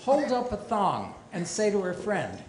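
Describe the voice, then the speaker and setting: A man's voice: high-pitched, huge pitch swings, a little slow, a little hiss or hum. An older man doing a stand-up comedy set on a club stage, delivering dry one-liners with self-deprecating asides. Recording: roomy club with loud audience laughter.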